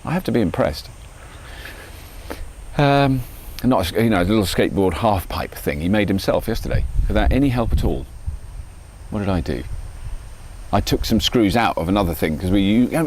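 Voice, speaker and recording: A man's voice: lowish voice, fairly quick, slight background noise, rough recording. A middle-aged man, rambling in a casual, self-mocking vlog monologue from his garden. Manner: chatty, self-mocking, animated. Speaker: vlogger. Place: garden, outdoors.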